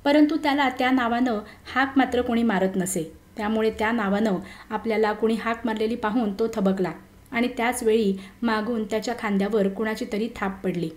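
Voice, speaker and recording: A woman narrating a story in a steady, measured storytelling manner. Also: fairly high pitch. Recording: roomy echo.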